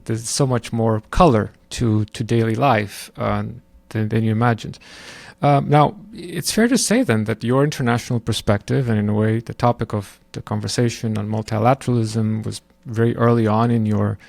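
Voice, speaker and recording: A man co-hosts a podcast, musing aloud with many fillers as he builds up to a question. His voice is fairly low and gravelly. The sound is dry and close, with no room echo. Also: darkish tone. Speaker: podcast co-host. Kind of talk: conversational interview question.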